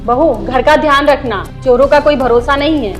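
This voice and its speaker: A woman's voice: high voice, normal speed, faint music behind, close to an everyday voice. A woman playing a stern older mother-in-law who gives instructions to the household. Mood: instructing.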